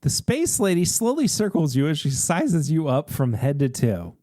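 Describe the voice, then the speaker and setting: A man hosting a podcast, reading a gamebook aloud in a casual, animated way with occasional hesitations and jokes. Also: a little high, moderate pace, dry recording, studio quality. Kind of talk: casual read-aloud with banter.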